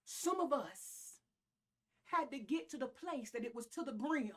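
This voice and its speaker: A woman's voice: high-pitched, fairly quick. A woman pastor with a Southern US accent preaching a sermon in an emphatic, folksy way, repeating key phrases. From American South. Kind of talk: church sermon.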